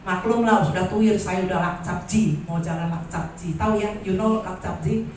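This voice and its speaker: A woman in her sixties giving a lively testimony at a worship service, acting out the voices in her story. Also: mid-range voice, moderate pace, a little hiss or hum. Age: 60s. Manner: animated storyteller acting out dialogue. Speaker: church testimony speaker. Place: large church hall. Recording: echoey hall from far off.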